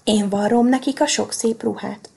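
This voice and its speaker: A woman's voice: a little high, steady tone, gravelly, darkish tone, slightly rough. Woman voicing a boastful little needle. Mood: proud. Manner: boastful, perky. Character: small proud sewing needle, boastful.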